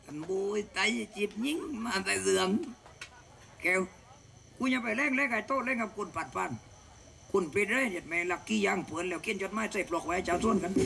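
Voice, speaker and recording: Gravelly Southern Thai puppet master. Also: male voice, sits high, background noise. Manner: rough, joking banter with coarse words. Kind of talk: comic shadow-puppet performance. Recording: loud folk music behind.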